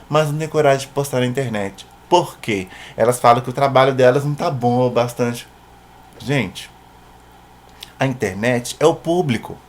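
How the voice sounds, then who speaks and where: A man with a Brazilian Portuguese accent and a medium-pitched voice narrates an informal singing tutorial conversationally, frequently checking in with short tag questions.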